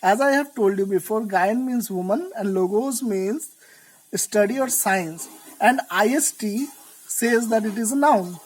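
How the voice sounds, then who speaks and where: Brief: woman teacher, measured, deliberate delivery for a vocabulary class. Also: medium pitch, darkish tone, husky, rough recording. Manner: slow, deliberate explanations. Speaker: English teacher. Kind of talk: vocabulary lesson.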